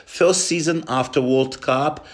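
A man with a Russian accent answering interview questions in halting non-native English, often dropping articles. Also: a little high. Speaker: interview guest from a football club.

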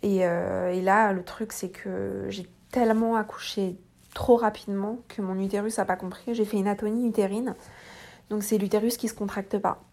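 A woman in her thirties, appearing as a podcast guest, candidly tells her own story in a lively way, acting out the dialogue and laughing. Her voice is medium-pitched and creaky, at a moderate pace.

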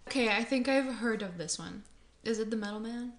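Excitable woman with a high voice. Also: a little fast, a little hiss or hum. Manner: animated, gasps and laughs, big exclamations. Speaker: co-host. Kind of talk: casual chat.

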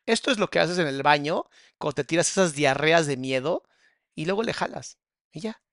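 Sarcastic gravelly Mexican man. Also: a little high, expressive, moderate pace, fairly bright tone, dry recording, clean studio sound. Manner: mocking, sarcastic, crude. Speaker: psychologist reacting to a video. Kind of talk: sarcastic reaction commentary.

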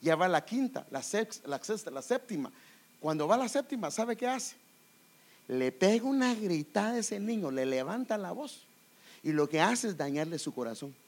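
A man, a middle-aged pastor, delivers a sermon with lots of energy. His voice sits high and swings widely in pitch. He keeps turning to his listeners directly, calling them brother. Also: normal speed. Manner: animated preaching, addresses listeners as brother.

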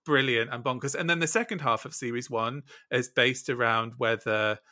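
A man's voice: medium pitch, normal speed, bright, forceful tone, dry recording, studio quality. A British man hosting a podcast, chatting casually about television, asking questions and giggling often. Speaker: podcast host. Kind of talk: casual chat.

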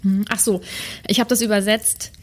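Woman co-host reading a story aloud, mid pitch, breathless delivery. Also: little pitch movement, normal speed. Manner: breathless, chatty with laughs. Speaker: podcast co-host.

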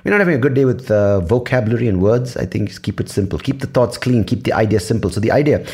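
A man hosts a casual solo podcast, rambling, swearing often, mocking himself, and restarting his sentences many times. His voice is lowish, darkish, and breathy-edged, with lively intonation and a quick pace.

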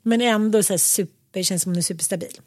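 A woman's voice: mid-range voice, darkish tone, no room sound, studio quality. A woman from Sweden, telling a personal story in casual chat, acting out quoted dialogue with laughs. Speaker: podcast co-host.

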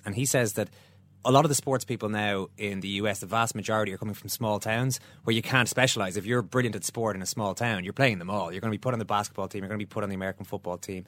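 A man's voice: lowish voice, a bit bright, no echo. A man with a Dublin accent hosting a casual sports discussion. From Dublin, Ireland. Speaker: sports podcast host.

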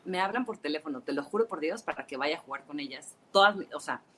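Mexican woman, interview guest on a phone call, low voice, lively storyteller with faint noise behind. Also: fast talker. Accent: Mexican Spanish. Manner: animated storyteller, many fillers like "este" and "o sea". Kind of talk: casual interview chat.

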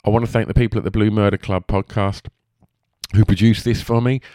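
Male podcast host, low register, Essex twang, lispy, chatty and rambling, close dry recording. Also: steady tone, brisk, darkish tone, no echo. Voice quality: lisp. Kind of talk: casual podcast introduction.

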